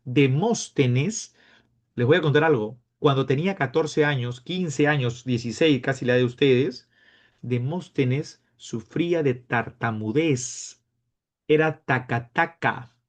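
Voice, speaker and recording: A man teaching a class, lively and playful, acting out his students' questions. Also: mid-range voice, measured pace. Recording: dull lo-fi sound.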